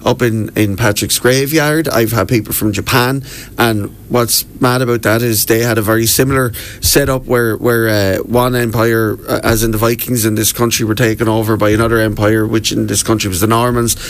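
A man from the southeast of Ireland with a low voice and a Wexford accent. He talks like an enthusiastic tour guide being interviewed, informal and full of storytelling. There is clear noise behind him. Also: level tone, normal speed. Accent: Wexford Irish. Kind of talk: conversational radio interview. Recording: clearly noisy background.

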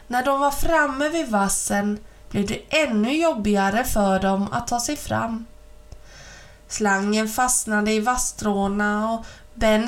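A woman narrating a children's storybook, reading steadily and clearly. Her pitch sits in a middle range for a woman. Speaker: reader.

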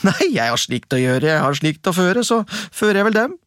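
A storyteller voicing a cheerful young lad in a folk tale, calling out high and excited in sing-song. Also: dry recording, clean studio sound, lightly acted. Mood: content. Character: cheerful young male hero, proud of his finds. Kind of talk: storybook reading.

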